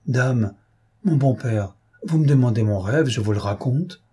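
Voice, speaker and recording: A man voicing a gentle, loving young daughter who speaks in a soft, earnest way. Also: medium pitch, animated, a little slow, breathy edge. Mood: tender.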